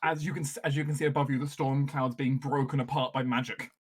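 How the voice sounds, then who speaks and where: A man's voice: mid-range voice, fairly even intonation, fast talker, breathy edge. A man running a tabletop game as game master, describing scenes and ruling on actions.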